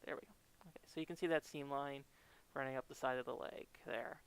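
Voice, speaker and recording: A man's voice: medium pitch, steady tone, brisk, vocal fry, clean tone. A man giving a casual hands-on tutorial as a stream host, his voice muffled through a respirator mask, talking informally and a bit hesitantly while he works.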